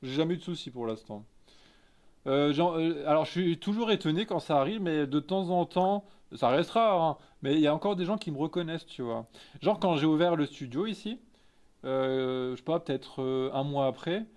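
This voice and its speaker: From a small indoor photo studio office, a man in his thirties from Lorraine, France, chats casually and candidly on a live stream, reading and answering the live chat in informal slang. He has an eastern French accent and a fairly high, expressive, darkish voice at a moderate pace.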